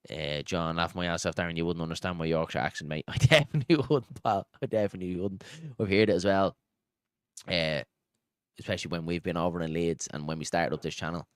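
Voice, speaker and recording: This man from Dublin, Ireland runs a fan watchalong, offering quick live football commentary and matey talk to viewers he calls buddy and pal. His low, clear, resonant voice holds a steady tone, captured dry with clean studio sound.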